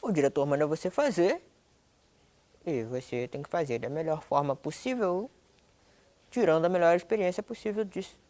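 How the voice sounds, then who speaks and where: A man's voice: on the high side, big pitch swings, moderate pace, long pauses, a little mellow. A man in a documentary interview, musing and searching for words.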